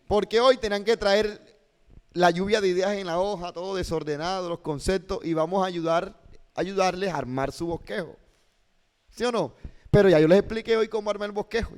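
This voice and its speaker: A man teaching a preaching class as a pastor, lively and constantly checking in with his listeners. His voice sits a bit high for a man. It rings with long reverb. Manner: animated, asks "¿sí o no?" of listeners. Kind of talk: classroom lecture with preaching demonstrations. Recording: hall reverb.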